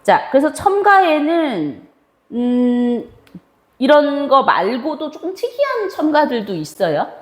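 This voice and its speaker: A woman teacher explaining grammar to her class, her pitch rising and falling a great deal as she quizzes the students and answers her own questions. The sound is roomy, with a clear echo around her voice. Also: wildly swooping pitch, takes it slowly. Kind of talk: classroom lecture.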